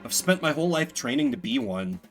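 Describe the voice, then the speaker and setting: A weary young defense attorney from a video game, voiced by an amateur man. He sounds withdrawn and reluctant, with flat line delivery in a bright voice. Faint music plays behind him. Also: mid-range voice, a little fast. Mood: dejected, withdrawn. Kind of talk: amateur voicing of a visual novel game.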